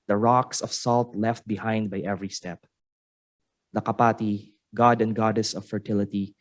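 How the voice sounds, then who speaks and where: Man, spoken-word poet, measured lyrical delivery, lowish voice, open mic. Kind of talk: spoken-word poetry reading. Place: university exhibition room with seated audience.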